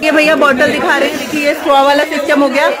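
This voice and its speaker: A chatty woman with a high voice films herself strolling through a crowded outdoor street market on a handheld phone. She keeps asking sellers for prices and repeats them to her viewers in a casual, friendly vlog manner. Heavy crowd chatter surrounds her. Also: level tone, quick pace. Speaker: market vlogger. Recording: loud crowd noise outdoors.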